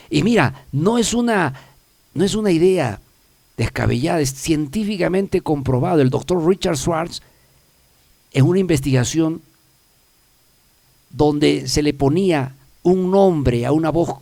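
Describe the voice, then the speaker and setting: On his self-help program, a man with a slightly high, creaky, darkish voice gives a motivational monologue, pressing his points emphatically and repeating key phrases for listeners. The recording is dry, with no room sound.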